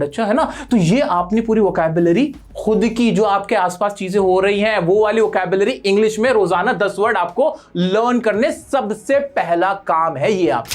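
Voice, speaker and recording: A man teaching a spoken language lesson, asking the viewer questions and answering them himself in an encouraging tone. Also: sits high. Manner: encouraging, direct address to learners. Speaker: English teacher.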